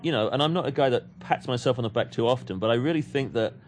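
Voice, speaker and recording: A man's voice: mid-range voice, fast, a little hiss or hum. A man from England, raised in London, talking casually as a guest on a podcast, rambling with frequent restarts and repeated words. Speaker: comics writer guest.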